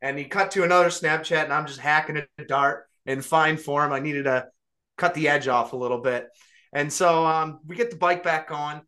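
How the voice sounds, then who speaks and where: A man's voice: on the high side, steady tone, moderate pace, pushed and bright. A young adult man, co-host of a podcast, animatedly telling a funny story in casual chat and laughing along the way.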